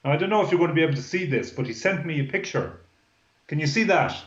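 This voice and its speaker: A man's voice: a little high, lively intonation, fast talker. A man chatting and telling a story as co-host, heard over buzzy, glitchy video-call audio that keeps breaking up. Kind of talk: casual live chat. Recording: dull, echoey call line.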